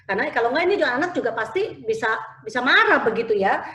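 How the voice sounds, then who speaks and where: A woman's voice: sits high, sing-song, quick pace, bright, forceful tone, echoey room. A woman giving an online parenting talk over a video call, often mixing in English phrases with frequent fillers. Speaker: parenting speaker.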